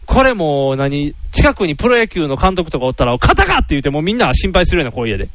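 A man in his thirties with a Kansai accent and a slightly raspy voice, chatting on the radio and telling stories with comic voices. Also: on the high side, no room sound. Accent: Kansai Japanese. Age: 30s. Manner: animated, quick storytelling with comic voices. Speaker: radio show co-host. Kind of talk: casual radio chat. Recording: dull lo-fi radio recording.

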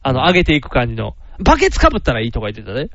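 A middle-aged man with a Kansai accent, hosting a casual comedy radio chat, playful and quick to throw in silly sound effects. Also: mid-range voice, huge pitch swings, highs cut off. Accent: Kansai Japanese. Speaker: radio show host.

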